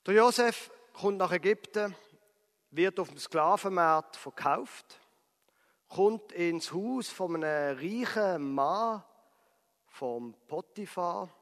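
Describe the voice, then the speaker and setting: A man with a Swiss German accent preaching, retelling a Bible story with lively dramatic emphasis. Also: on the high side. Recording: reverberant hall.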